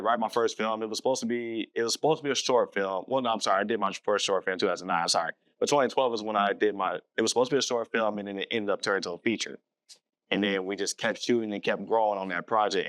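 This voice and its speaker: Southern man, low voice, dry sound, casual guest who backtracks often. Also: fast, a bit bright, dry recording. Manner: rambling, self-correcting, laughs easily. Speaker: filmmaker guest. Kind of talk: casual podcast interview.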